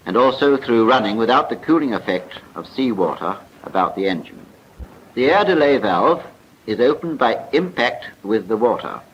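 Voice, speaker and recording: In the style of a 1940s military training film, a British man gives scripted narration that is formal and precise. His pitch is fairly low and his tone fairly bright. This film voice-over comes through a muffled, noisy 1940s soundtrack.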